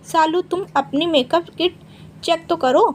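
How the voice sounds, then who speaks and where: A woman voicing a sharp-tongued young daughter-in-law who speaks out loudly and bitingly. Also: extremely high pitch, unhurried, a little hiss or hum. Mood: defiant. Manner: loud, biting, outspoken.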